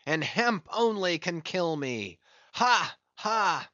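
A man voicing an obsessed sea captain who shouts loudly and defiantly, on dull, dry audio. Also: on the high side, lively intonation, slow, no room sound, heavily acted. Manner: loud, raving and defiant.

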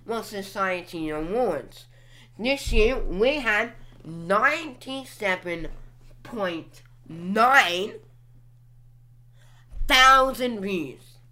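A young woman talks slowly through her channel numbers, drawing out each figure as she muses. Her voice is bright and forward. She thinks aloud casually as she clicks from app to app. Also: mid-range voice, expressive. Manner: drawn-out, musing, talks while clicking through apps. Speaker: podcast host reviewing her channel stats. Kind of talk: casual solo commentary.

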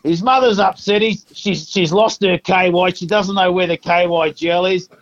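A man playing a gruff middle-aged Australian father who rambles and stammers through a prank call to a comedy podcast. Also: sits high, normal speed, natural voice. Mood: complaining. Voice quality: gravelly, rambling, stammering restarts. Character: gruff middle-aged Aussie dad grumbling about his son. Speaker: prank caller. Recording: dull lo-fi phone line.

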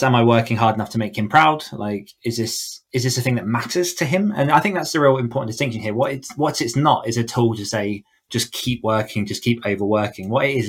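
A man whose mid-range voice has a breathy edge is a guest on a podcast, where he works as an author coach. In easygoing interview conversation, he reflects on and explains his thoughts.

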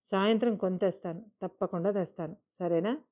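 A woman voicing a poor, gentle middle-aged father who speaks tenderly and with quiet resolve, in a read-aloud story. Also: medium pitch, brisk, close to an everyday voice. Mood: reassuring. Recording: dull lo-fi recording.

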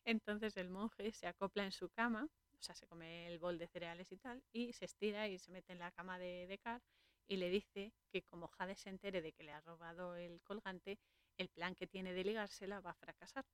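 A woman's voice: lowish voice, steady tone, moderate pace, clean tone, no room sound. A woman with a Spain Spanish accent hosting a podcast, casually retelling a film's scenes and laughing often. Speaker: podcast host. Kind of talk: casual podcast film recap.

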